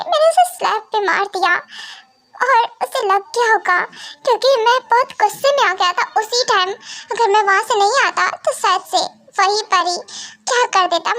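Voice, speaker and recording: Brief: woman reading a hurt young vampire son, pleading, high-pitched fan drama voice. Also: pushed and bright. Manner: tearful and pleading.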